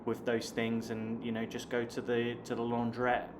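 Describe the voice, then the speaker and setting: A chatty man in his late thirties with a southern English accent, from Hampshire, addresses his viewers as "guys" while talking casually to camera. He teaches English online and vlogs, and his mid-range voice is completely flat at a moderate pace. Clear background noise is present.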